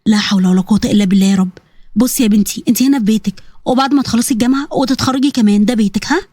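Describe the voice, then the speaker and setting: A woman's voice: on the high side, very fast, dark tone, breathy edge, dry recording, pitched below the performer's own voice. A woman voicing a kind motherly dormitory supervisor, soothing and affectionate, with an Egyptian accent. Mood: tender.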